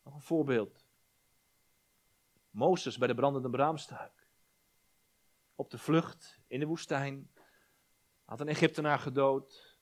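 A man preaching a sermon, stumbling over repeated words and dropping to a hush for quoted prayers. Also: medium pitch, steady tone, slow pace, pauses often. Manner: repeats words when stressing a point, drops to a hushed voice for prayers.

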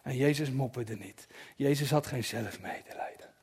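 A man preaching a sermon in a personal, confessional way, dropping to soft asides at times. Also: mid-range voice, normal speed, breathy edge.

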